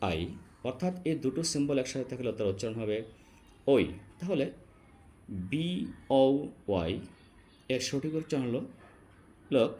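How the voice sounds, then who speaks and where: A man teaching English vowel sounds to students, addressing them directly, slowly spelling out letters and repeating key sounds. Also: medium pitch, a little mellow, a little hiss or hum. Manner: slow, drawn-out spelling of letters. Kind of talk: classroom-style phonetics lesson.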